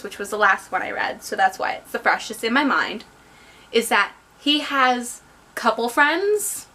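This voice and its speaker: A woman's voice: on the high side, sharp tone. A tipsy woman giving a casual book review, rambling a little and repeating herself for emphasis. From southern United States. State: tipsy from drinking. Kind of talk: casual spoiler-free book review chat.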